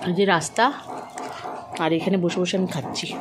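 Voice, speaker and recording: A woman speaks softly to her viewers as she eats by a sunny window, savoring each bite aloud. Her voice sits a little low. A faint hiss runs under it. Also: fairly even intonation, moderate pace. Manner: soft-spoken, hushed. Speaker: food vlogger. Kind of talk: casual vlog chat while eating.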